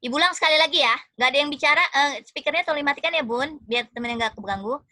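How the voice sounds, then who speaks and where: An Indonesian woman teaches a class online, cheerfully encouraging each pupil by name. Her voice sits high and bright. The sound is dry and close, as on a video call. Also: rapid-fire, no room sound. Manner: affectionate, encouraging, calls students one by one.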